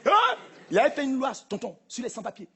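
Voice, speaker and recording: High-voiced man doing live stand-up. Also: big pitch swings, quick pace, a bit bright, breathy edge. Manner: punchy, teasing delivery to the crowd. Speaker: stand-up comedian. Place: theater stage, live audience. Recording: live theater, audience and noise.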